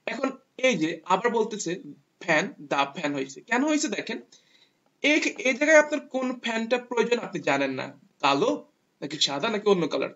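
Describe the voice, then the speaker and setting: A man's voice: high voice, a bit bright. A man teaching English grammar to viewers, patiently repeating each rule step by step. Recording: dull lo-fi sound.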